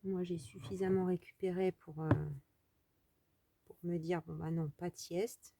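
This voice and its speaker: A woman's voice: fairly low pitch, little pitch movement, measured pace, warm tone, slight background noise. A French woman chatting casually as she walks through a crafting tutorial, thinking aloud with trailing fillers. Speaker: crafting video host.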